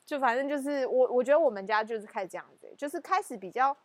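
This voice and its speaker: A woman's voice: sits high, quick pace. A woman with a Taiwanese Mandarin accent co-hosting a podcast in casual chat. She talks animatedly and laughs often. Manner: animated, laughs often, acts out family scenes. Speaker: podcast co-host.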